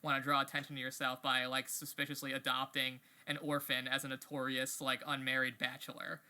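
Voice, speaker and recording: A man's voice: medium pitch, monotone, fairly quick, pushed and bright, smooth. A man co-hosting a podcast, chatting casually in a rambling, wry way full of fillers. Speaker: podcast co-host. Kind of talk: casual chat.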